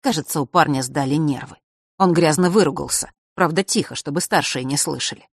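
An audiobook narrator reading a story in an even storytelling manner. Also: mid-range voice, a little fast, gravelly, husky, no echo, studio quality. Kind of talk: scripted narration.

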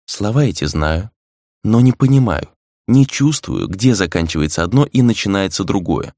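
Brief: indifferent otherworldly spirit, man reading, low voice, close and dry. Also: expressive, normal speed, a little mellow, no echo. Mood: detached. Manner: cool, indifferent, musing. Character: detached ancient spirit speaking through a girl.

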